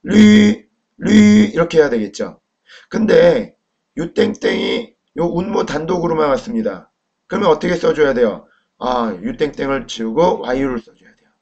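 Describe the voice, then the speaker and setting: Guy teaching pronunciation slow and careful, keeps asking the viewer questions, kinda muffled recording. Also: medium pitch, lively intonation, a little mellow, slightly rough. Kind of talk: lecture. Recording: dull lo-fi recording.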